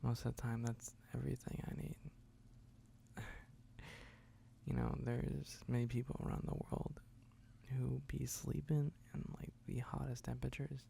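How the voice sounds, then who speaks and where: A man playing a tender, teasing, sleepy boyfriend in an ASMR role-play, murmuring drowsily in a husky, breathy voice with soft hums and sighs. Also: medium pitch, little pitch movement, a little slow, pauses often. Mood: playful, drowsy. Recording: faint background noise of rain.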